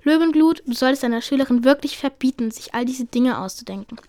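A woman's voice: sits high, lively intonation, quick pace, darkish tone, dry recording. A woman reading as a scornful male warrior cat.

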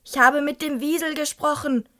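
Woman putting on a shrill, rasping old madwoman. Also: steady tone, normal speed, a bit bright. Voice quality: grating, rasping voice. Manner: snaps and shrieks orders.

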